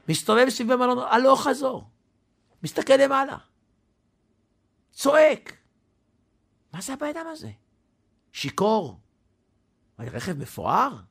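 A man preaching a sermon, telling a story dramatically, swinging from loud to hushed. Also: high voice, gravelly, husky.

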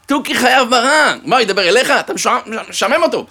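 A man's voice: very high-pitched, animated, gravelly, bright, forceful tone, voice pushed up, heavily acted. A man voicing a know-it-all pet shop owner who chides a customer in a joke. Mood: chiding. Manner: chiding, matter-of-fact.

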